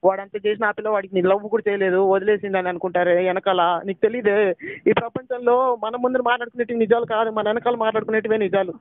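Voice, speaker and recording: A young man in a heated phone argument, pleading and accusing in a rapid, insistent way. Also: high voice, little pitch movement, no room sound. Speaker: jilted boyfriend on a phone call. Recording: tinny phone call recording.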